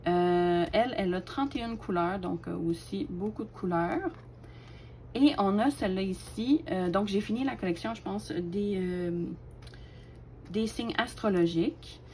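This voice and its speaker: A woman's voice: mid-range voice, unhurried, slight background noise. Chatty woman. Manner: chatty, hesitant with many fillers, laughs softly. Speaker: craft collection vlogger. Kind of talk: casual show-and-tell.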